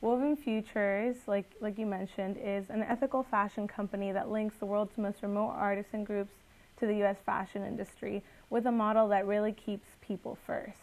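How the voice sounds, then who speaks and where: A woman's voice: medium pitch, flat delivery, moderate pace, a little mellow, rough recording. A woman in her twenties, originally from Guatemala, talking earnestly as a guest entrepreneur in a podcast interview with plenty of fillers. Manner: earnest, chatty with frequent fillers.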